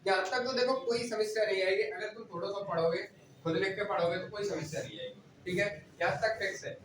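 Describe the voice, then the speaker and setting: High-voiced teacher in an echoey classroom. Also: male voice, fairly even intonation, fast talker, fairly bright tone. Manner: drills students with repeated questions and answers. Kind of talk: classroom lecture. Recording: echoey room, distant mic, faint noise.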